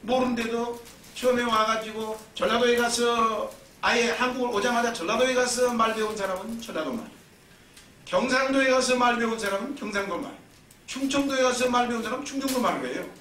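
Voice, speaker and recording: Bright-voiced pastor preaching in a roomy church. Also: male voice, high voice. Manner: storytelling, lively and emphatic. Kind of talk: sermon. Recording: roomy, distant mic, faint noise.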